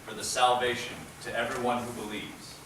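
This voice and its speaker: In an echoey hall with a distant mic and loud noise, a man from a readers' theatre group reads a script dramatically, declaiming like a preacher. His medium-pitched voice stays level in tone and moves fairly quickly.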